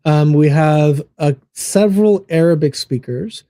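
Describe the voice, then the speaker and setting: Man with a mellow, fairly high voice. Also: a little slow, dry recording, clean studio sound. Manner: laughs often, talks through fillers. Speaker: co-host answering chat comments. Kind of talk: casual livestream chat.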